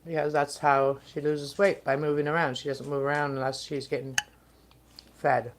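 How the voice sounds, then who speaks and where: A woman doing a casual mukbang, eating and talking to viewers in unhurried, stop-and-start remarks. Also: low voice, flat delivery. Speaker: mukbang livestream host.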